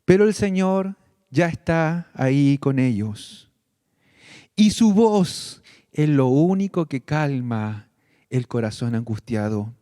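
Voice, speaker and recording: A man's voice: medium pitch, animated, dark tone, clean tone, no echo, studio quality. A male pastor giving a sermon, speaking earnestly and directly to his congregation. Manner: slow, earnest preaching addressing the congregation directly.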